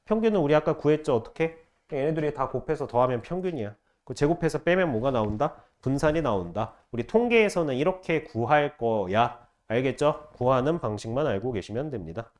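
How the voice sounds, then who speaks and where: A man teaching math to a class, firing short questions at students and repeating key phrases slowly. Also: mid-range voice, lively intonation, a little mellow. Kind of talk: classroom lecture.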